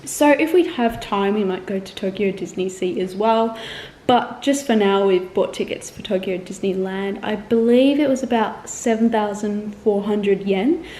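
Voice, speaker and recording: A young Australian woman from Melbourne, a travel vlogger, talks casually to the camera in a warm, medium-pitched voice at a moderate pace. She rambles, often saying "um" and correcting herself. The room is echoey, with faint ambient noise.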